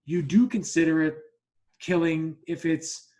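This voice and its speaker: Guy hosting a podcast, bit higher voice, keeps restarting sentences, blunt and sweary. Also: unhurried, darkish tone. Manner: talks in repeated restarts and acts out both sides of quoted dialogue. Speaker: podcast host. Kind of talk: casual conversational storytelling.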